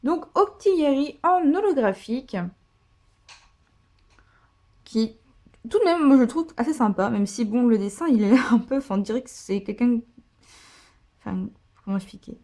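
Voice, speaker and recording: Woman, fairly high voice, chatty, gushing, casual card-opening commentary. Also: normal speed, pauses often, warm tone. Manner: chatty and gushing, with many fillers.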